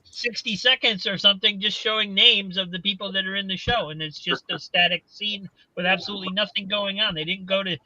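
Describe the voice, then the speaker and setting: A man chatting casually on a comics live stream, telling an animated, complaining story. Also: sits high, brisk, lo-fi sound, slight background noise. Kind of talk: casual chat.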